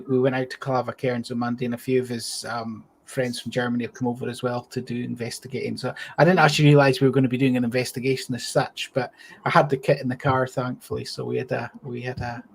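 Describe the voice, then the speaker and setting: Scottish man hosting a relaxed chat. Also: mid-range voice, creaky, a little hiss or hum. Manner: easygoing, warm-hearted agreeing, often trails off with fillers. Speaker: host. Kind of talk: casual live-stream chat.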